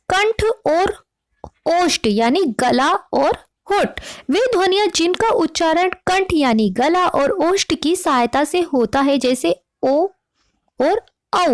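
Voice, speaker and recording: A woman teacher explaining a lesson slowly and sounding out each sound she demonstrates. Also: high voice, no echo, clean studio sound. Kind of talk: explaining to students.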